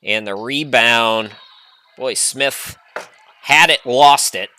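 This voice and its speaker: A man calling a basketball game play-by-play, chatty and prone to rambling asides between excited calls. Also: medium pitch, slow, smooth. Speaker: play-by-play announcer.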